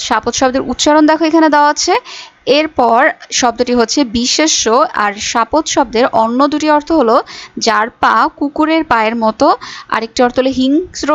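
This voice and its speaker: A woman's voice: high voice, no room sound. A woman teacher giving a recorded school lesson, explaining step by step with fillers. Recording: dull lo-fi audio.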